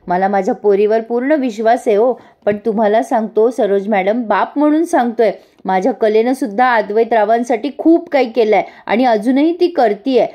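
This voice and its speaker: A woman's voice: on the high side, normal speed, dark tone, natural voice. A woman voicing a humble elderly village father who pleads his daughter's case in a TV serial recap. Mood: pleading. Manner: pleading, apologetic.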